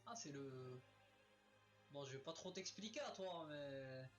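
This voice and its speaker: Recorded on a webcam's built-in mic with music in the background, a let's play gamer delivers excited commentary, exclaiming and swearing at enemies. His voice is a little high and his delivery a little slow.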